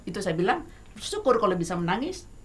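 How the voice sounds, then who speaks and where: A middle-aged woman with an Indonesian accent, talking as a guest songwriter in a casual talk show chat, hesitant with many fillers but lively and emphatic. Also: mid-range voice, fast. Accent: Indonesian, Batak.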